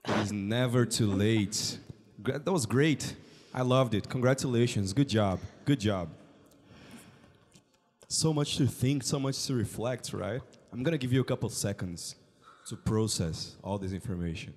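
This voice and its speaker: A man hosting a school talk event, introducing student speakers with slow, drawn-out encouragement. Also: lowish voice, darkish tone. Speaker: event host. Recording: long hall reverb.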